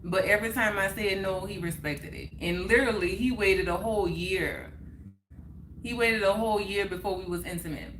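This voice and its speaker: Animated woman telling a personal story. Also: medium pitch, normal speed, echoey room, a little hiss or hum. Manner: animated, acts out others' words in quotes; repeats phrases for emphasis. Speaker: livestream host. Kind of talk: casual storytelling chat.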